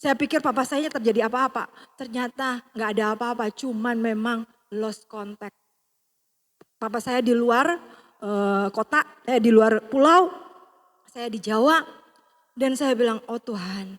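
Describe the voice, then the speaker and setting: A woman with a high voice preaches to a congregation, turning to them again and again. She swings from loud, stressed lines to soft, hushed passages. Her voice rings out in a church hall with a long echo. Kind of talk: sermon with personal testimony.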